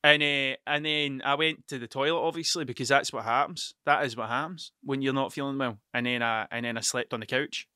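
A man's voice: mid-range voice, fairly even intonation, a little fast, few pauses, pushed and bright, clear, resonant tone, dry recording, studio quality. A tired man rambling through a solo podcast, swearing often and stuttering over his words. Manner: sweary, stuttering, restarts sentences. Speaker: podcast host and mural painter.

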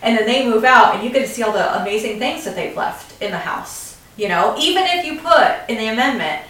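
A woman's voice: fairly high pitch, animated, brisk, fairly bright tone, recorded from a distance. A woman in her thirties co-hosting a podcast, telling stories in casual chat and laughing easily. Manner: chatty storyteller, laughs easily. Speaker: podcast co-host. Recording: echoey room, off-mic.

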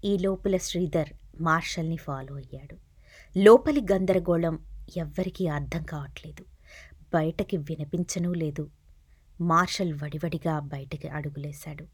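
A woman reads a serialized novel aloud in a soft, hushed narration. Her voice is husky and sits low in pitch. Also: a little slow, no room sound, studio quality. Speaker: audiobook narrator.

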